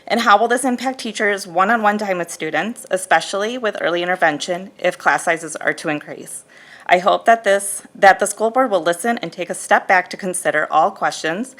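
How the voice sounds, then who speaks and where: A woman's voice: mid-range voice, normal speed, a bit bright. A woman reading her prepared remarks steadily during public comment at a school board meeting.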